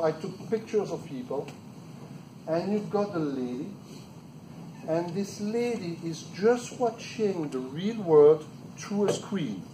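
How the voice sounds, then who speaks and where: A middle-aged native French speaker with a French accent gives a chatty, self-deprecating plenary presentation in a meeting room, punctuated by small laughs. His voice is on the high side, and a far camera captures echoey room sound with a noisy background.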